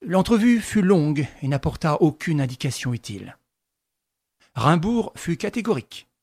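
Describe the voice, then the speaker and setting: A man's voice: on the high side, no room sound, studio quality. Man reading a novel aloud. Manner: measured, even storytelling reading. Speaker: audiobook narrator. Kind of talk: scripted narration.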